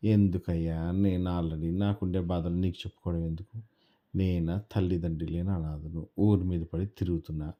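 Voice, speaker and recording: A man's voice: fairly even intonation, moderate pace, lo-fi sound, lightly acted. A man storyteller voicing a poor orphan village boy, speaking in a raised, plaintive voice. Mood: sorrowful. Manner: raised, plaintive, slightly higher voice.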